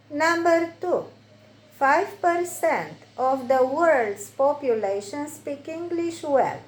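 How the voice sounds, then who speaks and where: Working through her English textbook, a Romanian-speaking woman reads each exercise and its answer at a slow, deliberate pace in a high voice. There's roomy reverb and a light background hiss on the recording.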